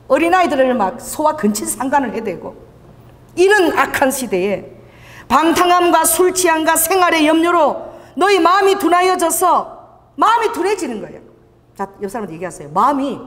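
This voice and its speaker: A middle-aged woman pastor preaching a sermon, telling stories with lively delivery and acting out dialogue. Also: on the high side. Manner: animated storytelling, acting out dialogue. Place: church sanctuary. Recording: church hall reverb.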